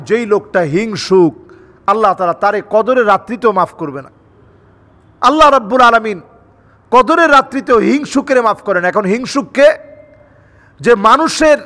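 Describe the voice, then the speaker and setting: A man delivers an impassioned sermon in a very high, bright voice. He rises to near-shouts and falls back to soft pleading. His voice rings out with long reverb in a large hall. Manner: fervent, rising to shouts and dropping to soft pleading. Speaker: preacher. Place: large hall with audience seated.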